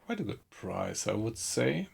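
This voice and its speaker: Slow, low-voiced man streaming. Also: sing-song, vocal fry, husky. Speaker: game streamer. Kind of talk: casual live-stream chat while playing. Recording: background noise with keyboard typing.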